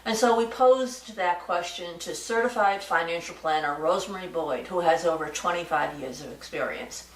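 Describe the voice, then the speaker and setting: A woman's voice: on the low side, moderate pace, few pauses, slight background noise. A woman host giving a scripted, upbeat introduction of a guest. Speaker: podcast host. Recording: echoey room, far from the mic.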